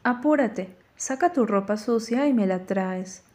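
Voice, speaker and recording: A bossy, exasperated mother, played by a woman reader snaps out scolding orders in an audiobook. The voice has a mellow, darker warmth. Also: a little high, lively intonation, a little slow.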